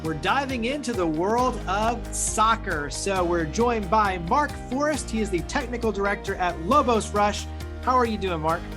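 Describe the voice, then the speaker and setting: A man's voice: high-pitched, expressive, normal speed, music in the background. A male radio show host leading an interview with upbeat, guiding questions.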